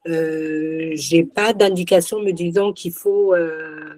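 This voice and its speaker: A woman exam candidate asking a question, halting and searching for words. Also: on the low side, fairly even intonation, mellow, dry recording.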